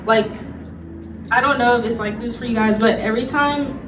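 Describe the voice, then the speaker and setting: A woman with a slightly high voice talks at a moderate pace, giving an informal panel presentation in a hesitant, conversational way and leaning on "like" as a filler. She's recorded from a distance in an echoey room, with music and other noise in the background.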